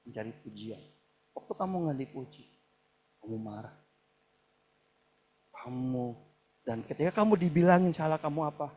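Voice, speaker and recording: A male pastor preaching a live church sermon, acting out quoted people and swinging between soft asides and loud, emphatic peaks. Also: medium pitch, a little hiss or hum. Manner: acts out quoted people in shouted or pleading voices. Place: church hall, live service.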